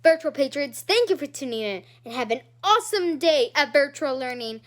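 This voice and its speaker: Woman doing morning announcements for a school, high pitched, upbeat and encouraging. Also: animated, normal speed, fairly bright tone. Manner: upbeat, encouraging sign-off to students.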